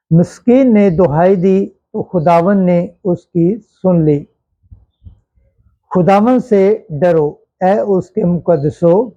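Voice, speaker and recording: A man giving a slow, solemn liturgical Bible reading as a scripture reader, with measured recitation. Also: sits high, warm tone, lo-fi sound.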